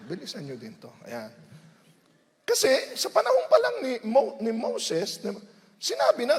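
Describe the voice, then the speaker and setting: A man with a Filipino accent preaching a sermon in Tagalog and English, animated and teasing, often asking the crowd questions. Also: high voice. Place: large hall. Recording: long hall reverb.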